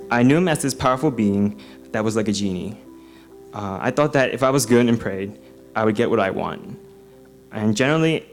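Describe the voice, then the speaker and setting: A Singaporean man in his twenties delivers a prepared baptism testimony during a church service. He sounds earnest, with plenty of ums and uhs, and his voice is fairly low with a darkish tone.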